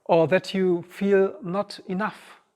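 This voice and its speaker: A man's voice: high-pitched, flat delivery, takes it slowly, mellow. A man giving a reflective, personal inspirational talk on stage, speaking directly to the audience. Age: 50s. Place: large auditorium stage. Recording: long reverb of a large hall.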